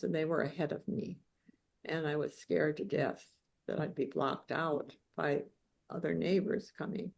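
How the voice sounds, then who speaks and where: A woman author giving a lecture, telling a personal story in a halting way with many fillers and restarts. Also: low voice, creaky, a little mellow.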